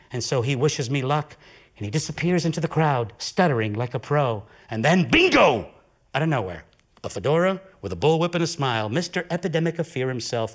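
Intense man in a fierce stage monologue. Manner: intense, profane, dramatic swings of pitch and volume. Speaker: solo stage performer. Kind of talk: theatrical monologue.

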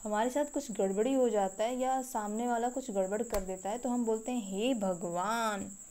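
A woman with an Indian accent teaching English vocabulary, explaining each phrase slowly and repeating it with pauses. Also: fairly high pitch, warm tone, a little hiss or hum. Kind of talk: spoken English vocabulary lesson.

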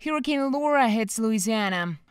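A woman presenter reading scripted economic news headlines in an even, measured newsreader delivery, recorded as a voice-over. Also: a little high, smooth, dry recording, studio quality.

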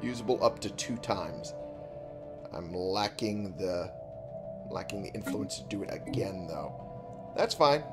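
Male let's-player, lowish voice with animated swings, informal and sweary, game music underneath. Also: measured pace, pauses often. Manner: informal, frequent swearing, thinks out loud. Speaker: video game let's-play host. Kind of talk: casual solo gameplay commentary with reading aloud of on-screen text.

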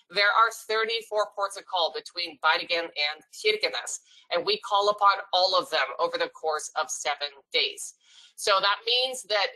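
A woman's voice: fairly low pitch, sharp tone, poor audio. A woman from Norway giving a friendly, explanatory webinar presentation to travel agents, with a light sense of humor. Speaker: sales presenter for a cruise line.

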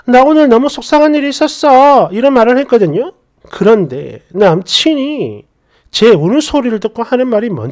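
A woman's voice: fairly high pitch, darkish tone. A woman reading a first-person story aloud, with an indignant, questioning tone. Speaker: story narrator.

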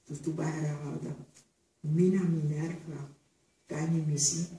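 A woman author reading passages from her novella aloud in a theater, slow and expressive. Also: low voice. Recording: echoey theater hall from far off.

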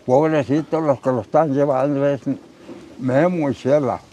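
A man's voice: medium pitch, steady tone, moderate pace, mellow, lo-fi sound, slight background noise. Plainspoken old man. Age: older. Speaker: elderly man being visited. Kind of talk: casual chat.

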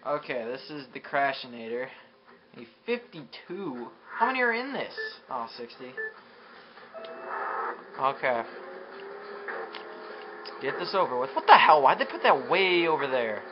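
A man giving gameplay commentary, frustrated, swearing and yelling at the game as he plays. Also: mid-range voice, a little slow, long pauses. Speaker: let's play commentator. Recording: muffled lo-fi recording with steady noise.

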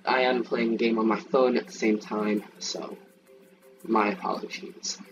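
A man's voice: lowish voice, fairly even intonation, a little slow, highs cut off. A man hosting a gaming channel, chatting casually over his gameplay with lots of ums and likes. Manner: rambling, many fillers. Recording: distant mic with faint game music.

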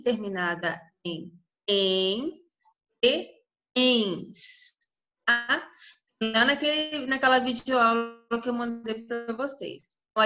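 Slow, bright-voiced Brazilian woman teaching. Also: fairly high pitch. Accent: Brazilian Portuguese. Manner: drawn-out syllables, frequent check-ins with the class. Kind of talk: online grammar lesson.

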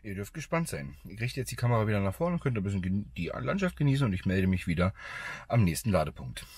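A man's voice: on the low side, big pitch swings, fast talker. A man in his thirties casually vlogging outdoors at a car park charging station, filming himself with a phone held at arm's length and chattily explaining what he sees. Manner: chatty, explaining while walking around outdoors. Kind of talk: casual vlog narration. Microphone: phone camera at arm's length. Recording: loud outdoor background noise.

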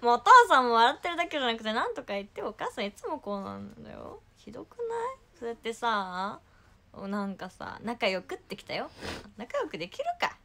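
A woman's voice: a little high, sing-song, gravelly, a bit bright. A young woman from Kumamoto chatting playfully and teasingly on a livestream from home. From Kumamoto, Japan. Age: young adult. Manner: playful, teasing, quick to laugh. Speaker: idol livestreamer. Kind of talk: casual livestream chat.

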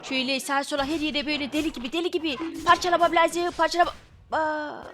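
Woman gamer, high voice, rattles off excited commentary, laughs a lot. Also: quick pace, slight background noise. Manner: exclaims and laughs often, repeats phrases. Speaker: gaming channel host.

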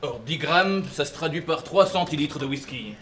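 An actor on a theatre stage playing a pompous, long-winded traveller who lectures about whisky. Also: male voice, a little high, animated, normal speed, fairly bright tone, slight background noise. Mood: pedantic. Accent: French. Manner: pedantic, fussy, long-winded. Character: pompous middle-aged male whisky-loving traveller. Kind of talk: amateur stage play.

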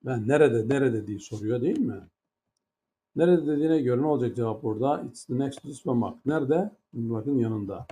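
A man's voice: mid-range voice, expressive, brisk, dark tone, a little hiss or hum. A man teaching an English grammar lesson in Turkish, with a Turkish accent in English. He explains patiently, step by step, and asks many rhetorical questions.

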